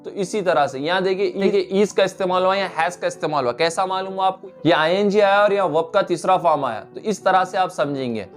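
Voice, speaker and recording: A man teaching a spoken English lesson, explaining step by step and slowly repeating example phrases. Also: high-pitched, faint music behind.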